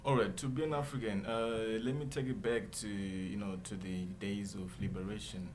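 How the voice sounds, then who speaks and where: A man's voice: on the low side, fairly even intonation, moderate pace, a little hiss or hum. A man, a guest in a radio studio interview who speaks earnestly and keeps checking in with "all right?". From Zimbabwe. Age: 20s. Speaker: guest entrepreneur.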